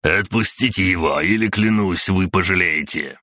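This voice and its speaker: A man voicing a defiant barbarian warrior shouting threats at a gang. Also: low voice, normal speed, no echo, clean studio sound.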